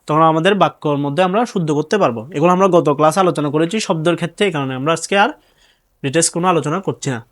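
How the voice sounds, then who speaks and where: A young man teaching an exam-prep grammar class. He explains step by step, repeats his phrases, and asks and answers his own questions. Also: high-pitched.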